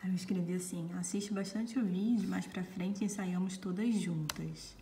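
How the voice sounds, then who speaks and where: A woman's voice: fairly low pitch, moderate pace, slight background noise. A young woman, a bride chatting casually for her vlog and laughing often. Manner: giggly, laughs often, animated. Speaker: bride and vlogger.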